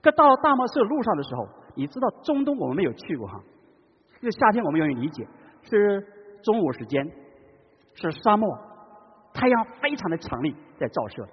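Man preaching, dramatic, husky, lively pitch swings, dull recording with long hall reverb. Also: brisk. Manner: dramatic, swings between loud calls and hushed tones. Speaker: pastor. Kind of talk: sermon.

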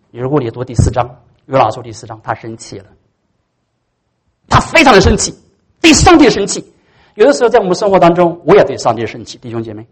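A man preaching a sermon as pastor. He is emphatic and swings from loud peaks to soft asides. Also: a little high, breathy edge.

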